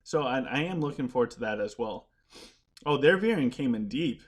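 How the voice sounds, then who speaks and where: A gaming live streamer with a medium-pitched, expressive voice talks at normal speed while playing, answering viewer questions. His casual commentary is chatty and rambling with frequent restarts, and he is losing his voice.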